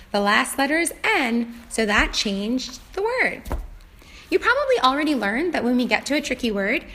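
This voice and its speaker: A woman kindergarten teacher giving a reading lesson, speaking simply and deliberately as if reading to a small child, sounding out letters and words. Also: a little high, sharp tone.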